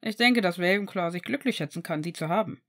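A woman voicing a gentle, soft-spoken young man. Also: lowish voice, fast talker, natural voice. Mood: tender. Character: warm young husband and father, adult.

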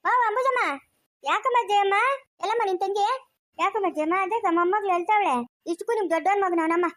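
A woman with a rural Chikkaballapur Kannada accent acting a sharp-tongued old village grandmother in a comic family skit, quarrelling and scolding in a fast, quarrelsome manner. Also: very high voice. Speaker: skit actor.

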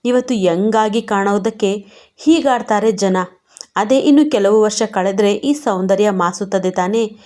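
A woman voicing a sensitive young wife who speaks softly and reflectively, in a mellow tone. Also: medium pitch, measured pace, natural voice. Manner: soft, reflective, questioning. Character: sensitive young wife, guilt-ridden and thoughtful.

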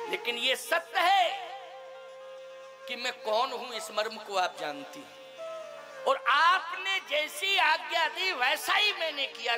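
A gentle divine prince who calmly reasons with his mother, as a high-voiced preacher acts him out. It is a retelling within a devotional discourse, with clear music underneath. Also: exaggerated voice.

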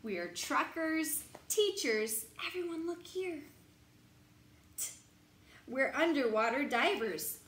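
A young adult woman with a high voice reads a children's bedtime picture book slowly, pausing often, her intonation animated and swooping. She stresses words like a teacher in an expressive, sing-song way. She's a little way from the mic in a small glassed-in sunroom, with roomy echo and light background noise.

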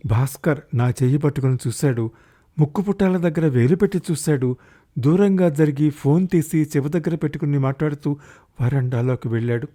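A man reading a first-person story in scripted audiobook narration, slow and reflective. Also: mid-range voice, dark tone.

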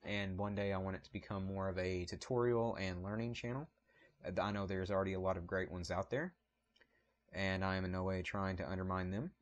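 Speaking a little fast, a low-voiced man with a thick Southern US drawl chats casually to camera for his photography channel. He rambles a bit, with lots of ums and apologies. The audio comes from a small point-and-shoot camera mic.

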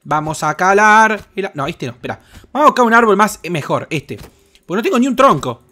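A young man with a Rioplatense Spanish accent, commenting on his gameplay in an excitable, crude way with lots of swearing. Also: high voice, brisk. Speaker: gaming host.

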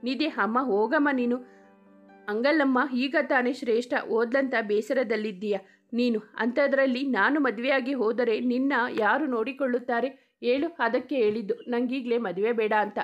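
A woman's voice: a little high, brisk, lo-fi sound, soft background music, lightly acted. Shy sweet young woman, read by a woman.

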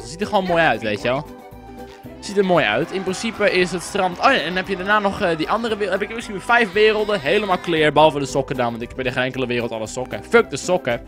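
A man's voice: a little high, fairly bright tone. A young man giving rambling, casual let's-play commentary, chatting with lots of fillers and crude asides. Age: young adult. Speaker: gameplay commentator. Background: game music.

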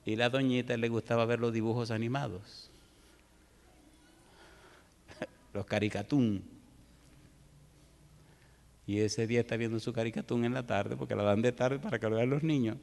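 Pastor preaching in echoey hall. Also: male voice, medium pitch, moderate pace, creaky, long pauses. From Dominican Republic. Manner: lively storytelling, acting out the people in his stories. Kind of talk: sermon.

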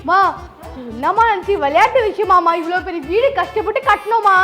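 A woman's voice: very high voice, expressive, a little fast, bright, forceful tone, faint music behind. A woman playing a daughter in a comedy sketch, pleading and calling out insistently to her mother.

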